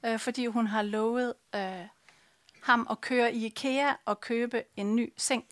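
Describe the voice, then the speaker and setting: A woman's voice: on the high side, steady tone, a bit bright. A woman interviewing an author, speaking hesitantly with many filler sounds. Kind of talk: casual conversation.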